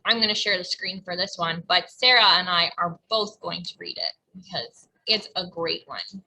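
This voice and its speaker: Very bright upbeat story time host woman. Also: on the low side, moderate pace, creaky, poor audio. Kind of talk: children's story time chat.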